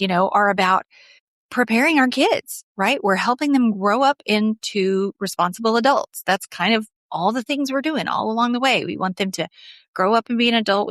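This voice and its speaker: A middle-aged woman hosts her podcast solo, chatting openly and directly to her listeners. Her voice sits at an ordinary middle pitch. It comes across dry and close, with no room sound around it. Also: fairly bright tone, no room sound. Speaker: podcast host. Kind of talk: casual solo podcast talk.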